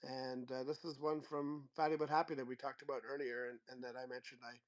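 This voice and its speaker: A man hosting a casual livestream chat, relaxed and rambling, often trailing off and restarting his sentences. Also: medium pitch, brisk. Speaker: show host.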